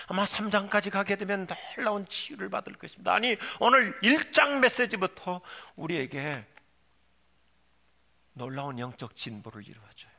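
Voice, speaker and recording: High bright gravelly-voiced preacher. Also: male voice. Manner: swings from low quiet asides to shouted pleading cries. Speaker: pastor. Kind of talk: sermon. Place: church sanctuary.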